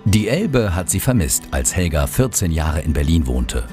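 A man's voice: deep voice, very animated, moderate pace, darkish tone, faint music behind. A man reading scripted documentary narration as a studio voice-over.

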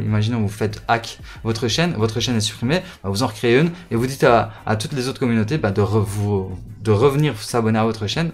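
A man chats casually to his viewers as a gaming YouTuber. His voice sits at an ordinary middle pitch, and he often stalls, restarts and repeats himself. Faint music plays softly behind him. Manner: hesitant, many fillers, repeats words.

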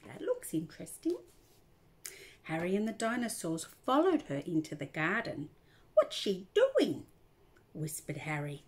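A woman's voice: fairly low pitch, sing-song, moderate pace. An older woman reading a picture book aloud to children, stopping to talk about the pictures. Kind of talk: storybook read-aloud to children.

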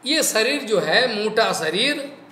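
A man's voice: sits high, expressive, slow, sharp tone, roomy sound. A man giving a devotional discourse as a spiritual teacher, scolding at times and acting out the people he quotes. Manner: scolding, acts out quoted voices.

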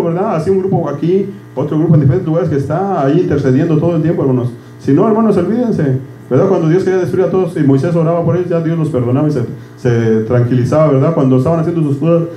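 A man's voice: a little high, dark tone. A middle-aged man preaching a sermon as pastor. He keeps asking the congregation "right?" and slips English words into his talk. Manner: conversational, asks "¿verdad?" constantly, switches into English words. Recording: echoey room with faint hum.

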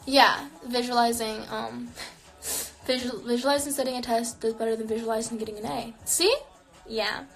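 Her voice is a little high, gravelly, and a bit bright, with fairly even intonation at normal speed, and the audio is poor. A woman in her twenties, she casually answers viewer questions on a live stream in a small bedroom with neon lights, reflective and constantly saying "like." She uses a phone camera close to her face.

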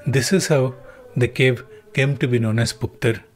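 A man narrating a travel documentary in a calm, even, scripted voice-over. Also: medium pitch, moderate pace. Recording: voice-over with music underneath.

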